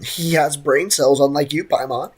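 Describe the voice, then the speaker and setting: A young man streams a game with casual live commentary, full of slang, jokes and sarcasm, often saying the same phrases again. His voice is a little high and moves at a moderate pace. Video game music plays underneath.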